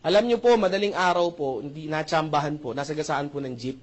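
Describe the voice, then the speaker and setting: High-voiced joking male seminar speaker. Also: brisk. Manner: joking, keeps asking the audience "tama ba?"; polite, addresses the crowd with "po" and "mga brother, mga sister". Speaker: seminar speaker presenting a marketing plan. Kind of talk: lively seminar presentation mixing Tagalog and English.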